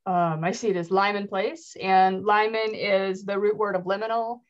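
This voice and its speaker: A woman's voice: medium pitch, steady tone, normal speed. A middle-aged woman speaking articulately as a guest on a video call, laughing easily. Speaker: guest, worshiping community leader. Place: room at home by a window. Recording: dull lo-fi call audio.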